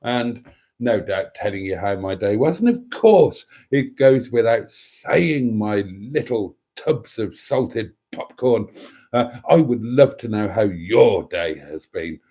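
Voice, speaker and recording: A man's voice: lowish voice, takes it slowly, dark tone, husky. A British man hosting a casual livestream chat, effusive and camp, rambling theatrically to his listeners with playful endearments. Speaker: live show host.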